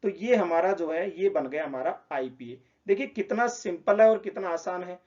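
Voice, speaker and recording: Man, fairly high voice, patient teacher, slightly muffled recording. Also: lively intonation, a little mellow. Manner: patient, repeats example words slowly. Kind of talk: explaining lesson.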